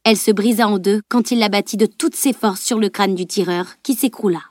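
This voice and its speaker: A woman narrates an adventure novel at a measured, steady storytelling pace. Her voice sits in a middle register. The recording is close and dry, with no room sound. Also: medium pitch, dry recording. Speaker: audiobook narrator. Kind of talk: scripted narration.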